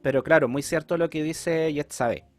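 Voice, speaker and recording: A man's voice: fairly high pitch, moderate pace, soft background music. A man with a Chilean accent teaching an online class, explaining patiently and checking in often with his students.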